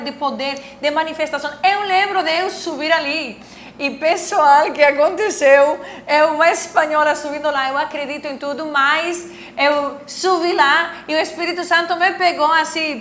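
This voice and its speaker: A woman's voice: sits high, a bit bright, reverberant, a little hiss or hum. A woman pastor from Spain, speaking Portuguese with a Spanish accent, telling stories animatedly on a church livestream and searching for words now and then.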